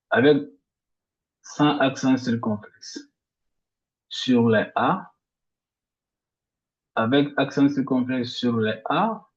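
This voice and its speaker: A man teaching a grammar lesson step by step, repeating each example word slowly, with frequent restarts and hesitations. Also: mid-range voice. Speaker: language teacher. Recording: slightly dull lo-fi audio.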